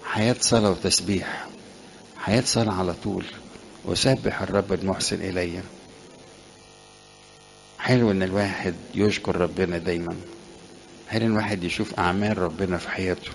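A man's voice: low-pitched, slight background noise. A man with an Egyptian Arabic accent preaching a sermon, asking questions of his listeners and answering them himself.

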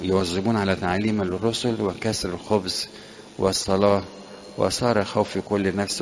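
A man's voice: deep voice, a little hiss or hum. A man with an Egyptian Arabic accent preaching a sermon, asking questions of his listeners and answering them himself.

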